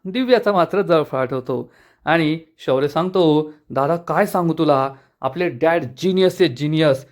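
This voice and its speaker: Man, somewhat high voice, dramatic serial recap narration, emphatic quoted lines. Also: normal speed. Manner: retells scenes, voicing quoted lines with emphasis.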